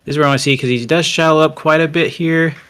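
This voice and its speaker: A man commentating a drift racing event, excitable and chatty, a little out of breath. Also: fairly high pitch, fast, smooth. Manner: excitable, chatty, laughs easily.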